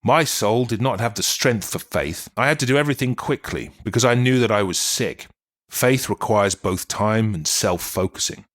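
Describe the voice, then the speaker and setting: Brief: male narrator as a sad, apologetic ghost of a writer, low-pitched, musing, lively phrasing. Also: moderate pace. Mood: melancholy. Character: spirit of a dead male writer and doctor, weary, melancholy. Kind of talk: audiobook reading of a channeled letter.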